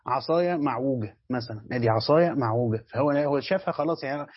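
The dull, lo-fi recording captures a medium-pitched man who talks fast with a breathy edge. He is a sheikh with an Egyptian Arabic accent teaching Quran commentary in a classroom, explaining each step and checking his students follow.

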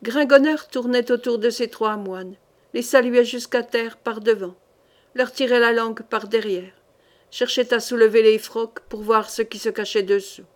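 A woman narrating a historical novel as an audiobook in a steady, measured reading. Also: on the high side. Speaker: audiobook reader.

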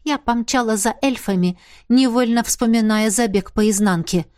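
A woman narrating a first-person fantasy audiobook in an expressive, breathless way. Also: a little high, moderate pace, dry recording, clean studio sound. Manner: expressive, breathless in tense moments.

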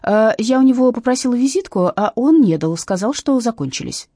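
A woman's voice: a little high, expressive, fairly quick, dark tone, no room sound, pitched above the performer's own voice. A woman voicing an eager, chatty young woman backing up her friend.

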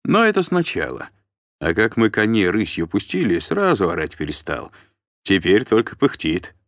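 A man voicing a gruff, boastful Varangian squad leader who talks loudly and mockingly. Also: deep voice, huge pitch swings, normal speed, no echo, pitched above the performer's own voice, exaggerated voice. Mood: boasting.

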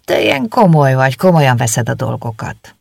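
Audiobook: a reader playing a teasing schoolboy, husky, gravelly. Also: mid-range voice, big pitch swings, a little mellow, dry recording, exaggerated voice. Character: young man, teenage schoolboy, teasing.

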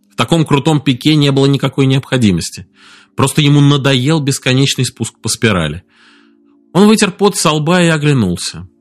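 Steady male audiobook narrator. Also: mid-range voice. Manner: steady, measured storytelling.

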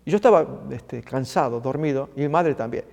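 Brief: a man giving a sermon, animated pitch, reverberant hall. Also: a little fast, gravelly. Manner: emphatic, repeats phrases, addresses listeners as friends. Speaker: preacher.

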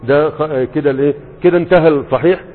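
Egyptian man, lecturing sheikh, fairly high voice, quick, keeps asking the class if they follow. Brief: tinny recording in a reverberant hall. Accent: Egyptian Arabic. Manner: explains with rhetorical questions, checks understanding often. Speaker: sheikh teaching Arabic morphology.

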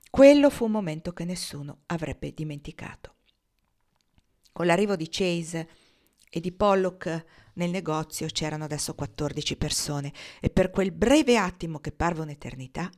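A woman reading a historical novel aloud in a measured, expressive way. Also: on the low side. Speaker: audiobook reader.

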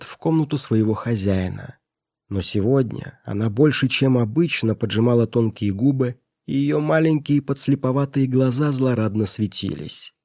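A man reading a classic story aloud in a steady, measured way. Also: medium pitch, no echo, studio quality. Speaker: narrator.

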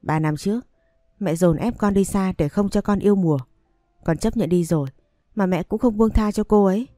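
A woman's voice: mid-range voice, normal speed, mellow, dry recording, studio quality, soft background music, natural voice. A woman voicing a stubborn, heartbroken young man who confronts his mother and his old love in a read-aloud story. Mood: pleading.

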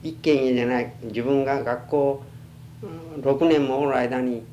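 An old man with a rural western Japanese accent recalls his life in an interview. He talks plainly and haltingly, at a middling pitch, as a wise elder looking back. The old tape has clear noise and a hum. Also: fairly even intonation, dark tone, lo-fi sound. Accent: western Japanese, Chugoku. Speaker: oral history interviewee. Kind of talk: reminiscing in an interview. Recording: noisy archival tape with hum.

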